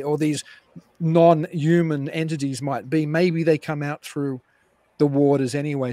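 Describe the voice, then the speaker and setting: A man guest historian explaining at length on a live call-in show, animated and digressive with frequent restarts. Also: fairly high pitch, dry recording.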